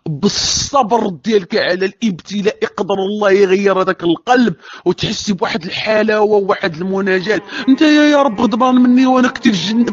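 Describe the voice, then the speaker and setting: A woman's voice: medium pitch, muffled recording. A woman with a Moroccan Arabic accent preaching to women, impassioned and pleading, asking many rhetorical questions. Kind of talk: religious exhortation to women.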